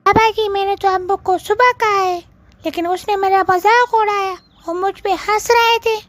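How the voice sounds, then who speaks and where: A woman playing a very high-voiced pleading young woman. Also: steady tone, a bit bright, no room sound. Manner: pleading, persuasive. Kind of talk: comedy skit acting.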